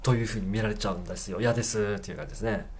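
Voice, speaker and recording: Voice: low-pitched, slight background noise. Japanese English teacher drilling pronunciation. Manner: repeats phrases very slowly, then explains casually. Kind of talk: pronunciation lesson.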